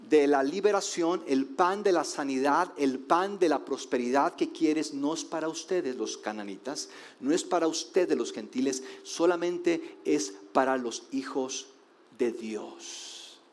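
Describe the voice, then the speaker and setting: A man playing a stern, measured teacher. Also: expressive. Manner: slow, low, measured refusal. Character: stern refusing teacher, calm grown man.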